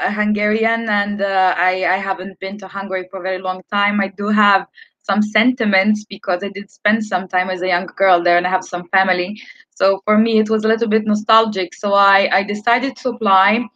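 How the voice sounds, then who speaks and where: Woman, twenties, from Serbia, earnest student talk, halting with fillers, dull dry sound. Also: mid-range voice, little pitch movement, a bit bright, dry recording. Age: 20s. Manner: earnest, with many uh fillers and restarts. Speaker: student speaker. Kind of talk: prepared talk to an online audience.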